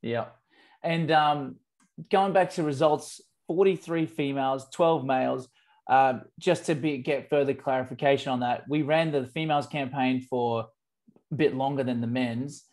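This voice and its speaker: An enthusiastic man in his thirties hosts a video call for a marketing agency, speaking casually with slang through an earphone headset mic. His voice is mid-range, moderately paced and a little mellow, and he sits in an office with a branded backdrop.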